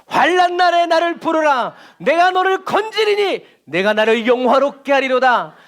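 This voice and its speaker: A preacher voicing God in slow, booming declamation, calling the listener to cry out to him. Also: male voice, big pitch swings, fairly bright tone, heavily acted. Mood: commanding. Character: God speaking, commanding and tender.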